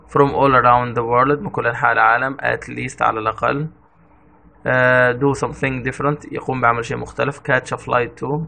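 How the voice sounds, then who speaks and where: A man teaching English vocabulary in an Egyptian Arabic accent, reading each English word and then giving its meaning in a steady, methodical way. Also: mid-range voice, gravelly, poor audio.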